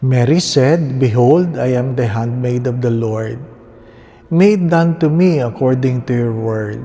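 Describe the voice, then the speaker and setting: A man with a Filipino accent speaking as a priest at Mass, solemn and deliberate, pausing between short phrases in a church with cathedral echo. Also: mid-range voice, warm tone. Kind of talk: solemn scripture reading and homily. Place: inside a large reverberant church.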